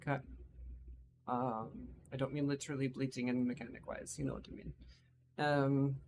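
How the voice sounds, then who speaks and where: A man's voice: medium pitch, steady tone, moderate pace, creaky, noisy background. A man with a Californian accent running a tabletop game as game master in casual, slangy, easygoing narration. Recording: loud music behind the voice. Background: music.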